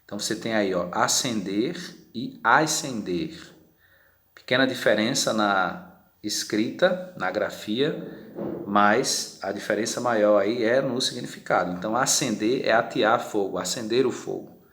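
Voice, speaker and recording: A man gives a grammar lesson. He explains step by step, checks in with tag questions and slows down to stretch out his example words. The sound bounces around an echoey room. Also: on the low side, a bit bright. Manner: drawn-out, slowed words when giving examples. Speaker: Portuguese teacher. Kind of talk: recorded online grammar lesson.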